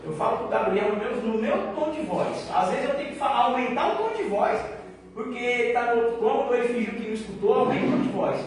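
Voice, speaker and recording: A man with a very high voice preaches a sermon in a large church hall, talking conversationally and asking the congregation one question after another. He swings from quiet, easy lines to loud, emphatic ones. The recording is very echoey, with the voice far from the mic and noise heard behind it. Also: quick pace, music in the background. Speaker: pastor.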